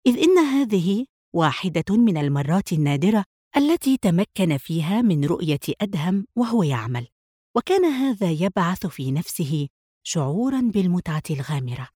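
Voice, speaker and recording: Woman reading a spy novel aloud, lowish voice, dry close sound, steady pace. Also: no echo. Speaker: narrator. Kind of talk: scripted narration of a spy novel.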